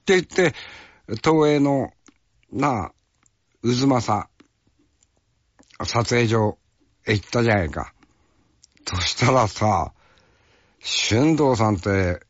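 A man from Fukuoka, an actor, telling stories from a film shoot in a rough, folksy, chatty way. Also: medium pitch, dry recording, lo-fi sound. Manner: rough, folksy, peppers speech with tag questions. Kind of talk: casual storytelling reminiscence.

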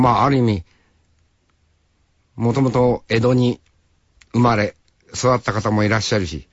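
Slow-talking man in his sixties, radio host. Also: mid-range voice, fairly bright tone, no echo, dull audio. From Hokkaido, Japan. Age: 60s. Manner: rambling, folksy, talks straight to the listener. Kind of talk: casual radio monologue.

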